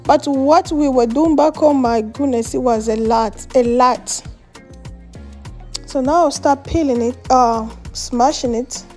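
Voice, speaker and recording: A woman speaking English as a second language, whose first language is French or Swahili, chats casually through her home cooking vlog on a patio outdoors and in a home kitchen. Her voice is high, a little slow and a little mellow, with faint music behind her, and she laughs often and searches for words.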